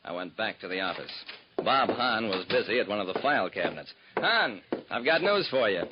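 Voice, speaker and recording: An actor plays a private detective narrating his own cases in wry, hard-boiled first person, styled like 1940s radio drama. His fairly low voice is very animated and brisk, and the old lo-fi recording is dull and very noisy.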